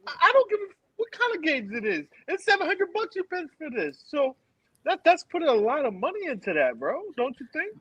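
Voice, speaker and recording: A man's voice: very high-pitched, wildly swooping pitch, a little fast, sharp tone, dry recording, muffled recording. A man on a podcast panel in casual banter, insistent and repeating himself.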